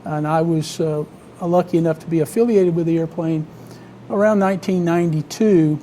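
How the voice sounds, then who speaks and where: Southern alabama guy, mellow voice, chatting in an interview kinda halting, bit of background hiss. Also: fairly high pitch, steady tone. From Alabama, United States. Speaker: interview guest, vintage biplane owner and pilot. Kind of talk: conversational storytelling in an interview.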